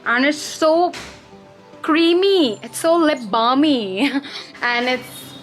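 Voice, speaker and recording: A woman's voice: high-pitched, lively intonation, very slow, fairly bright tone, roomy sound, soft background music. A young woman with an Indian English accent, chatting in a bubbly, giggly way to her viewers in a casual vlog. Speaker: vlogger.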